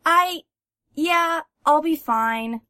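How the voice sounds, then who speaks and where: A woman playing an eager, excitable teenage daughter, in a high voice. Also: very slow, exaggerated voice.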